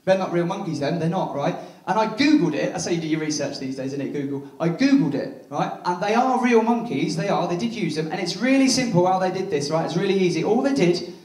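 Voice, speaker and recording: A man's voice: high voice, animated, quick pace, hardly any pauses, darkish tone. An English man performing a bawdy stand-up comedy set on a theatre stage, punchy and full of tag questions. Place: theatre stage before a laughing audience. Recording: echoey theatre, mic heard from a distance.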